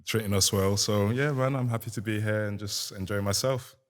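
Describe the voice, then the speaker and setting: A young man with a Nigerian accent speaks in a very low voice. He tells his story in a relaxed, chatty way, laughing often and slipping into casual slang. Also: brisk. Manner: relaxed, laughing, lots of "you get me" slang. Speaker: guest musician. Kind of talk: casual interview chat.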